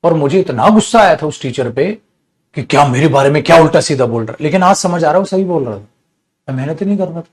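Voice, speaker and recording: A man's voice: on the high side, lively intonation, fast talker. A middle-aged male teacher in his own studio, scolding and lecturing students earnestly while teaching an online grammar class.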